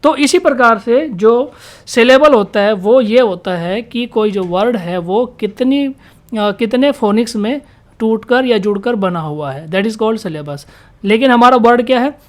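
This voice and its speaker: Higher-voiced woman teaching vocabulary. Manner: asks questions and answers them herself, repeats key words; reads English definitions slowly. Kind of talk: vocabulary lesson for exam students.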